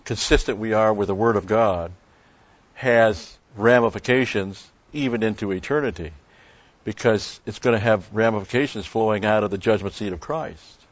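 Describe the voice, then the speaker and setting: Male pastor, lowish voice, measured sermon delivery with stressed points, dull dry recording. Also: dry recording. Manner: measured preaching with emphatic stresses.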